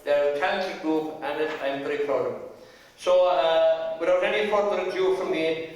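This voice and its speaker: A man's voice: on the high side, fairly even intonation, moderate pace. A man with an Irish accent speaks as master of ceremonies at a live traditional music show, announcing in an informal, rambling, folksy way. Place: large hall, live in front of an audience. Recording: echoey hall from far off, noisy audience.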